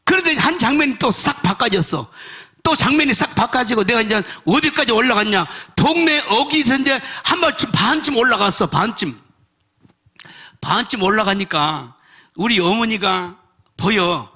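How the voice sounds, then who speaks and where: A middle-aged man preaching a sermon, telling a testimony with strong emotion and rising to shouts. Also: sits high, animated, moderate pace, breathy edge. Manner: emotional storytelling, swells to shouts. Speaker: pastor.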